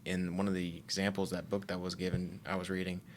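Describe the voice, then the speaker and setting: A man's voice: sits low, level tone, fairly quick, a little hiss or hum. A man co-hosting a podcast, talking in a casual, rambling, thoughtful way with many fillers. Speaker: podcast co-host.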